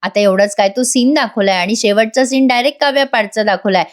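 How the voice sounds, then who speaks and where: A woman with a slightly high voice speaks fast, narrating a chatty voice-over recap of a TV serial. She reads out the characters' lines and talks directly to her viewers.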